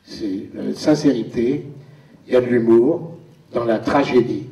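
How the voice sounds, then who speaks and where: A man, an actor, tells wry stories about making the film, pausing as he goes. His voice is dark and mellow. The sound is muffled and distant in an echoing hall. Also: medium pitch. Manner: wry, storytelling, with pauses. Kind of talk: anecdotal talk at a premiere Q&A. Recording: echoey hall, distant dull mic.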